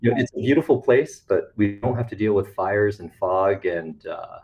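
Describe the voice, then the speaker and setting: A man from California, a guest on a video call from his office, speaking in a measured way with many pauses. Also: on the low side, gravelly, darkish tone, dull audio. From Fresno, California. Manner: measured, many ums and you knows. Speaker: interview guest, hospital president. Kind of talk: casual interview.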